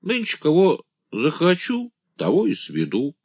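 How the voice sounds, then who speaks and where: A man voicing a simple-minded village man who calls himself an angel, speaking in a naive, drawn-out singsong. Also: on the high side, huge pitch swings, dry recording, clean studio sound, voice pushed up, exaggerated voice. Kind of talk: audiobook character voice.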